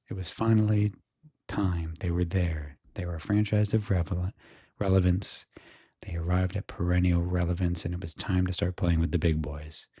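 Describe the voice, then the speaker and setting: A man with an American accent giving soft-spoken, breathy ASMR sports commentary in a casual, musing way. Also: sits low, dry recording, studio quality. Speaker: host giving a baseball season preview.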